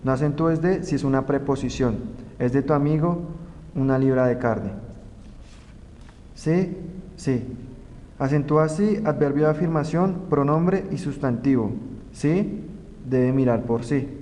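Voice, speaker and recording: A young man from Colombia, a student reading a grammar lesson aloud in a slow, careful way. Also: mid-range voice, warm tone. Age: young adult. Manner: slow, careful reading of rules and example words. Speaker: student presenter. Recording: roomy reverb, faint background noise.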